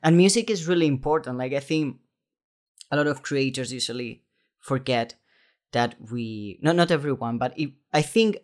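A man's voice: medium pitch, normal speed. A man hosting a casual interview, reflecting aloud with fillers as he thinks. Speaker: podcast host.

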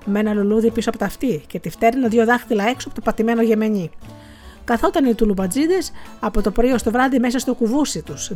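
A woman reads aloud from a novel as a storyteller, lively and natural, with small slips and restarts. Her voice sits a little high. Soft music plays under her reading.

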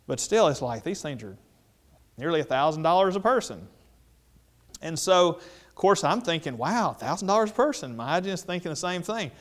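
Man telling a self-deprecating story. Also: on the high side. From Mississippi. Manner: self-deprecating, animated, mimics other voices in quotes. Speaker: dentist speaking to dental professionals. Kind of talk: humorous storytelling talk to an audience.

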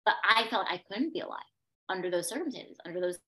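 A woman's voice: mid-range voice, expressive, quick pace, fairly bright tone. A young adult woman, a podcast guest, telling a personal story with intense emphasis and repeated phrases.

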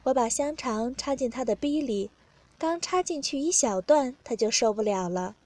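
High-voiced woman reading a story. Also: normal speed, no echo. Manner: plain, steady first-person telling. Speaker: narrator.

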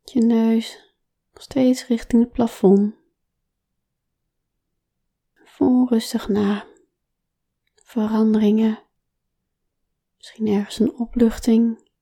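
A woman talks softly and calmly, slipping into a whisper for much of the exercise. Her tone is very dark and mellow, and she unhurriedly leads listeners through gentle body-awareness instructions. Her words come at a very slow, measured pace. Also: fairly high pitch, gravelly. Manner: soft, calm, often whispering. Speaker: relaxation guide.

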